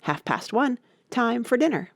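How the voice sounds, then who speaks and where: Very lively, swooping delivery for an eccentric storybook gentleman acted out by a woman, argumentative and touchy. He lectures with contempt and a mournful streak, and the voice is gravelly at the edges in a dry, close recording. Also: fairly high pitch, a little slow, no echo, pitched above the performer's own voice, heavily acted. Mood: lecturing. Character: eccentric, touchy, mournful male Hatter at tea.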